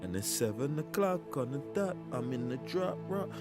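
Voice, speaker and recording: A man's voice: medium pitch, sing-song, normal speed, over music. A British man giving joking, slangy commentary while livestreaming a video game. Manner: slangy, joking banter with chat. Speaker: streamer.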